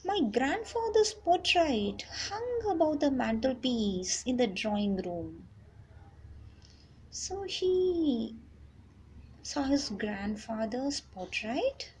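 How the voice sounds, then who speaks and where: A woman from Chennai with a South Indian accent and a fairly high, slightly mellow voice teaches an English lesson, reading a text aloud and paraphrasing it. The low-quality recording carries noticeable background noise, and she often checks in with short tag questions as she explains.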